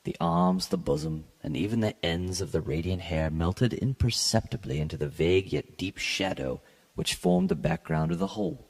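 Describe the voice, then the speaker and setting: A man hosting a podcast reads classic literature aloud in a dramatic, scripted way. His low voice is gravelly and husky, and his delivery is measured, formal, and theatrical, yet very animated.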